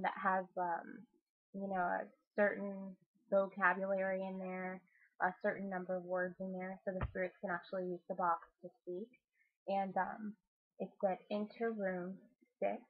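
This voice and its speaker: Excitable woman vlogging over a tinny line. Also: mid-range voice, creaky, husky. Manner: excited, rambling, lots of fillers and swearing. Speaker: YouTube channel host. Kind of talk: casual vlog chat. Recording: tinny lo-fi phone-like sound.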